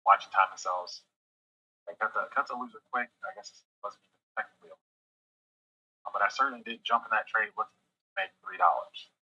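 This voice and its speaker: A man with a scratchy voice giving running commentary on his live day trades, thinking aloud in quick half-muttered remarks. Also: lowish voice, pushed and bright, breathy edge. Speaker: day-trading livestream host. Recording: dull lo-fi sound.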